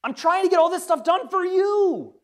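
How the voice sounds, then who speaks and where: A woman's voice: very high-pitched, lively intonation, normal speed, voice pushed up. A woman voicing an exasperated, overworked woman who complains and pleads for help.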